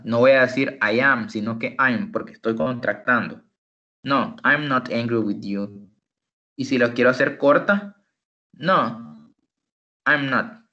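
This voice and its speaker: Guy tutoring english on a video call, drills phrases slow, muffled lo-fi audio. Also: medium pitch, bright, forceful tone. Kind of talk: online tutoring session. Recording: dull lo-fi online call audio.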